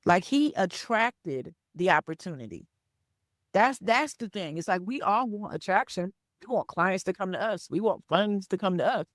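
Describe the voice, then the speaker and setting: A woman's voice: medium pitch, expressive, moderate pace, no room sound. Woman podcast host, business coach, emphatic, repeats points, dry recording. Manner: emphatic, repeats key points with "right?" and "okay?". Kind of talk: solo podcast monologue.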